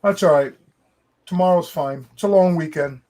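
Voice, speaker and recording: This is an older man in his sixties, hosting a relaxed stream chat. His voice sits noticeably high for a man. He is chatty and laughs easily, with an edge of complaint about people who pay late. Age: 60s. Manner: chatty, laughs often, grumbles about slow-paying clients. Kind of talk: casual chat.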